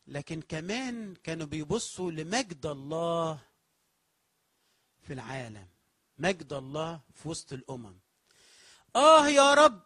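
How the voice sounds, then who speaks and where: A man's voice: a little high, a bit bright, husky, no room sound, studio quality. A man with an Egyptian accent preaching a sermon as pastor in a church, asking the congregation questions and answering them himself. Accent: Egyptian Arabic.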